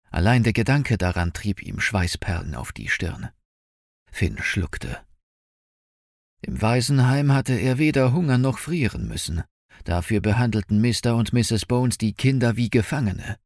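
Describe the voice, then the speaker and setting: A man narrating an audiobook in an expressive, dramatic storytelling manner. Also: lowish voice, gravelly, no room sound, clean studio sound.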